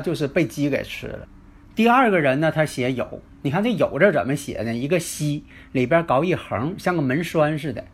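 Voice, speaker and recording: A man hosts a lesson on Chinese metaphysics with a fairly high-pitched voice. He tells teaching stories slowly, stretching his filler particles as he goes. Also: slightly rough. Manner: unhurried, full of drawn-out filler particles. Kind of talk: storytelling lecture.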